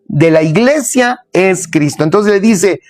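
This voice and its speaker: Emphatic preacher, dry sound. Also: male voice, sits high, lively intonation, a little slow, a little mellow, no echo. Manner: emphatic, repeats phrases, speaks straight to listeners. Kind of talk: sermon.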